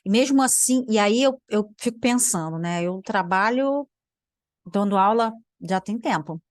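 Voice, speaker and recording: A woman's voice: mid-range voice, animated, unhurried, no echo. A young Brazilian woman, a language teacher, giving sarcastic reaction commentary while thinking aloud and trailing off into mutters. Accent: Brazilian Portuguese.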